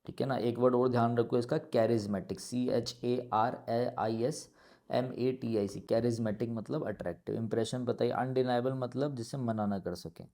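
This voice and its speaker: A man's voice: medium pitch, steady tone, unhurried, mellow. Indian man spelling words out in class. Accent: Indian English. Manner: mixes Hindi and English, spells words letter by letter. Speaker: English teacher. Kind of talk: exam-prep lesson explaining answers.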